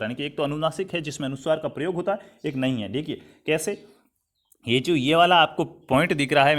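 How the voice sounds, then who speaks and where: A man's voice: a little high, a bit bright. A man from Rajasthan, India, teaching a Hindi grammar class online, repeating points and checking in with his students as he writes on a digital board. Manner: repetitive, checks in with "thik hai" often; addresses students as "saathiyon" and "bhai". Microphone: writing on a digital board while talking.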